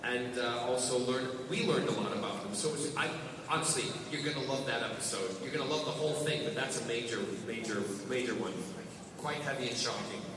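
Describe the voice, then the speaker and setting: A man's voice: mid-range voice, a little fast, far from the mic, background noise. A male actor on a convention panel, talking enthusiastically and rambling with many restarts. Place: large convention hall. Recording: echoey hall recording from afar.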